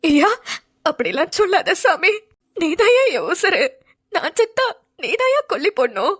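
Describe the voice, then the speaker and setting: A woman voicing a gentle, self-effacing old village grandmother in a dramatic cartoon. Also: very high-pitched, sing-song, a little slow, full character voice. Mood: tender. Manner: soothing, calls others "dear" and "my lord".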